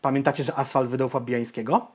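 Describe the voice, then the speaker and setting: A man's voice: mid-range voice, quick pace, slight background noise. A young man co-hosting a podcast, blunt and opinionated, ranting and swearing in casual chat. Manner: blunt, swears, ranty and animated. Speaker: podcast co-host.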